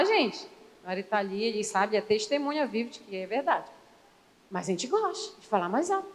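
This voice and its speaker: A Brazilian woman preaching a sermon in church, playful and calling on the congregation to answer back. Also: sits high. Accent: Brazilian Portuguese. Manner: playful, calls for congregation responses. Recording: long reverb of a church hall.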